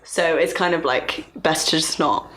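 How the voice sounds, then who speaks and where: A woman's voice: deep voice, moderate pace, fairly bright tone, low-quality recording. A young woman co-hosting a casual chat, talking in a musing, hesitant way. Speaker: podcast co-host.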